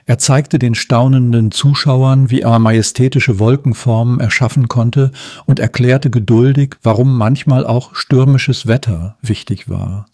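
A man narrating a children's story in a calm, measured reading voice. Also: medium pitch, dry recording, studio quality.

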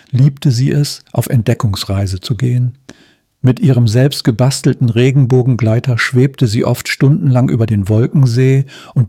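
A man narrating a children's story in a calm, measured reading voice. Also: medium pitch, slightly rough, dry recording, studio quality.

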